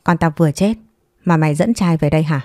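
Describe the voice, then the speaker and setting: Woman voicing a hoarse, spiteful old mother-in-law. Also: deep voice, no room sound, studio quality, lightly acted. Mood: furious. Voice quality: hoarse, thick voice. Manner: scolding, fast and loud.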